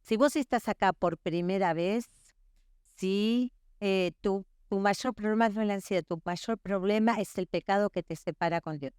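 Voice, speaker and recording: Middle-aged woman giving a sermon, earnest and personal, smooth clear voice, dry close sound. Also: medium pitch, normal speed, darkish tone, no echo. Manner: earnest, personal, often checking in with listeners. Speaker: women's conference speaker.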